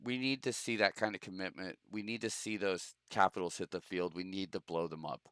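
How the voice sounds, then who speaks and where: A man's voice: sits low, steady tone, a little fast, a bit bright, clean tone, no echo, studio quality. Laid-back profane streamer guy. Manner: loose, profane, laughs a lot, bro talk. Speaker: streamer hosting a game show. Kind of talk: casual gaming stream chat.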